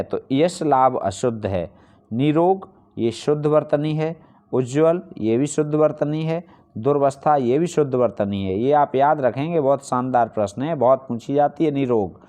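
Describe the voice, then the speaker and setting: A man's voice: medium pitch, a little mellow. A man teaching a Hindi spelling lesson, explaining each answer step by step and posing questions he then answers himself. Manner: repeats key points for emphasis. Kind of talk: online exam-prep lesson.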